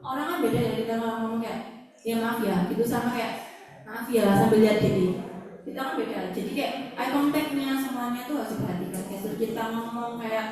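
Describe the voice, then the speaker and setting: A woman's voice: on the high side, fast talker, crowd noise. A young woman, giving a chatty talk to students as a guest speaker, full of filler words. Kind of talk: talk to a campus audience. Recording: echoey hall, far from the mic.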